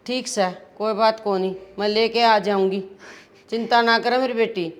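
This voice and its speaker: A woman's voice: on the high side, fairly even intonation, moderate pace, lightly acted. Woman playing a reassuring Haryanvi mother. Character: reassuring mother of a grown daughter. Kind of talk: Haryanvi comedy drama acting.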